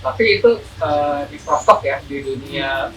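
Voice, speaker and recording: This man, a photography teacher appearing as an interview guest, explains things casually in a fairly high, sharp voice at a slightly slow pace. He hesitates and repeats words, and a face mask muffles him a little. The mic is distant, with faint room noise.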